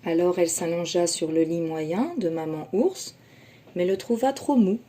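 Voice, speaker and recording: A kindergarten teacher, a woman, reading a children's story aloud slowly and expressively. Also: lowish voice, warm tone.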